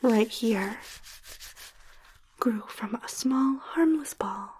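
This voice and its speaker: A woman doing an ASMR whispered role-play in a soothing, unhurried, breathy whisper, murmuring close to the microphone. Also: a little high, lively intonation, darkish tone, a little hiss or hum. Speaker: ASMR performer. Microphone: close ear-to-ear stereo microphone.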